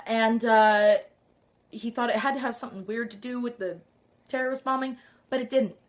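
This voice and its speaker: Excitable, gushing woman vlogger. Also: on the high side, moderate pace. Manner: gushing and excitable, with frequent sighs. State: slightly stuffed-up nose. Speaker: vlog host. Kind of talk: casual fan vlog. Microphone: handheld camera.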